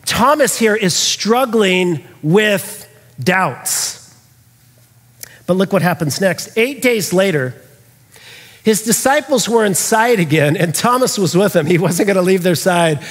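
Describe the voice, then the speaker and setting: A man preaching an Easter sermon as pastor, conversational and chatty, slowing down to read scripture. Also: high-pitched, expressive. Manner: conversational, with chuckling asides and slowed scripture reading. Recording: long hall reverb.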